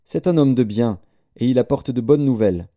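A man's voice: medium pitch, moderate pace, dark tone, natural voice. A man reading aloud voices an old king who weeps and laments for his son. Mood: calm. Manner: wailing lament. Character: grieving old king, father of a dead son.

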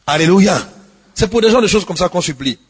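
High-voiced husky French preacher in a hall. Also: male voice, expressive, a little fast. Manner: swings from hushed pleading to shouted exhortation. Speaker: pastor. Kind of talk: sermon.

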